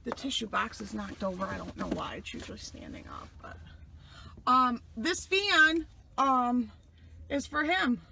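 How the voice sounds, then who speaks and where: A woman in her thirties from New York with a high voice talks casually as she shows viewers around her truck cab. She rambles along with plenty of ums, filming on a phone she holds in her hand. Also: expressive, measured pace, creaky, sharp tone, slight background noise. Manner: chatty, rambling with many fillers. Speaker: truck driver vlogger. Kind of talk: casual vlog tour. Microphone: phone camera held in hand.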